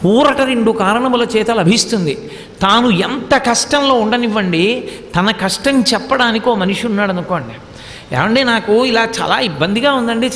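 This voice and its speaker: Male devotional speaker, high voice, storytelling discourse with recited verses. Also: a bit bright, in a large hall. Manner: storytelling with acted quotes and Sanskrit verses. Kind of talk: Telugu devotional discourse on scripture.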